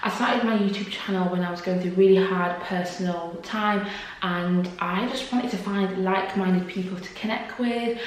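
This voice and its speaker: A woman's voice: mid-range voice, steady tone, moderate pace, very echoey, poor audio. A young woman from Congo chatting to camera in a casual Q&A, laughing often and using many fillers. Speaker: YouTuber.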